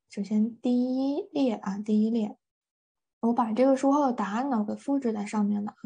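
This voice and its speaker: A woman's voice: mid-range voice, warm tone, breathy edge. A woman teaching an English vocabulary lesson, patiently repeating each word and translating it with many fillers. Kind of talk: vocabulary lesson explaining words.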